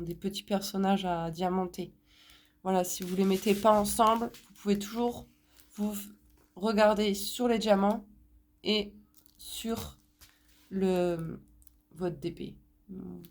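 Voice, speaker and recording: A French woman showing her craft purchases in a casual haul video, talking slowly with many hesitations, a little hoarse because she is sick. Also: fairly high pitch, darkish tone. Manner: slow, hesitant, many fillers. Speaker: crafts vlogger.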